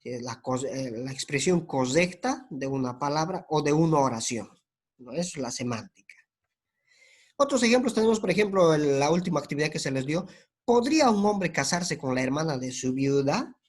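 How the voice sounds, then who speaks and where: Profesor boliviano de voz algo aguda. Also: male voice, on the high side, lively intonation, slightly rough. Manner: explains slowly, spells out sounds and letters, many tag questions. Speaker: teacher. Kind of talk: lecture.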